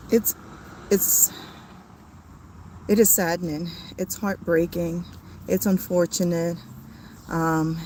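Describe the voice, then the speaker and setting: Woman, 30s, livestream host: emotional, halting, low-pitched, faint noise under the voice. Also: a little mellow. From came to the US as a child. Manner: tearful, halting, many fillers and restarts. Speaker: family channel host.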